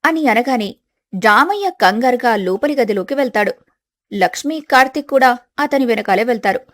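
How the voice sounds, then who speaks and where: A woman tells a scripted family story for an animated video, in a plain, steady way. Her voice is fairly high, and the recording is dry and close. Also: moderate pace, no echo. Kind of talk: scripted narration.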